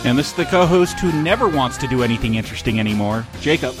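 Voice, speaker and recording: A man's voice: medium pitch, animated, fast, music in the background. A man co-hosting a film review podcast in casual conversation. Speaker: podcast co-host.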